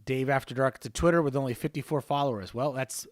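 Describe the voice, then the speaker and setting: A man's voice: mid-range voice, fast, no room sound, clean studio sound. Chatty man hosting a livestream. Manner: chatty, joking, reads viewer comments aloud. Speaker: livestream host. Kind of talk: casual live-stream commentary.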